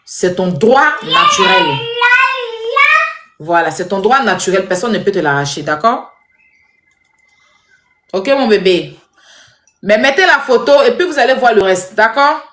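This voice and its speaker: Animated scolding woman in an echoey room. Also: mid-range voice, measured pace, long pauses. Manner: animated, scolding, repetitive, addresses viewers directly. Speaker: social media commentator. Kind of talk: casual commentary to viewers.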